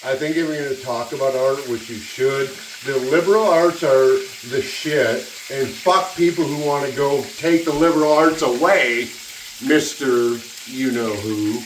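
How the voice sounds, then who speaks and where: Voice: medium pitch, normal speed, few pauses. Giggly, tipsy cooking host in echoey kitchen. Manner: giggly, tipsy rambling with frequent laughter; profane, exclamatory. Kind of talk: casual cooking demonstration to camera. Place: roomy kitchen. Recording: echoey, distant mic, loud sizzle noise. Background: frying sizzle and stirring.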